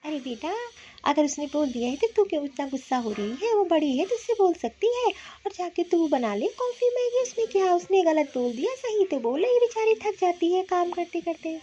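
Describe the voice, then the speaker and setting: A woman voicing a gentle, peacemaking older mother-in-law in a cartoon, in a soft, lower voice. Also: big pitch swings, normal speed, hardly any pauses, lo-fi sound, slight background noise. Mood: soothing. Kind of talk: cartoon voice acting.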